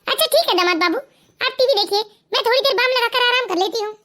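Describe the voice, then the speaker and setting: A woman's voice: very high voice, fast, bright, forceful tone. A woman voicing a harsh, contemptuous middle-aged mother-in-law in a cartoon, with a taunting, scolding manner. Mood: plain. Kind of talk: cartoon voice acting.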